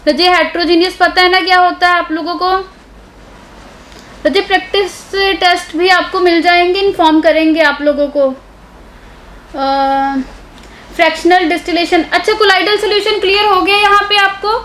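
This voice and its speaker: Her voice very high-pitched and fairly bright, a Hindi-accented woman teaches a live online doubt-clearing science class at normal speed with fairly even intonation. She explains patiently and keeps asking rhetorical questions to check the class is following. The recording is reverberant and rough.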